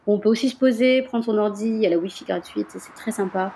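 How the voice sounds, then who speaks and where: Woman from marseille chatting as a guest, lively, laughs a lot, lots of "euh", middle pitch. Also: fast, slight background noise. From Marseille, France. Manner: animated, laughs often, hesitant fillers. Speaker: guest, tour company owner. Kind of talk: casual interview chat.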